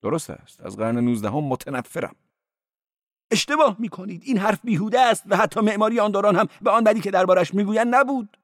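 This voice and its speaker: A male reader voices a male church porter with a high, sing-song voice who giggles, gushes and preaches at anyone who'll listen. The voice swoops up and down with lively, lecturing delight, sly and gleeful, giggling and effusive. The audiobook sound is dry and close, with no echo.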